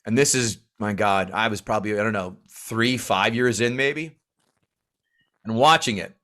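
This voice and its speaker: A middle-aged man co-hosting a casual comedy podcast, swearing freely and telling stories with shouted-out quotes. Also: fairly low pitch, moderate pace. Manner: profane, animated storyteller who shouts out quotes. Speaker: podcast co-host.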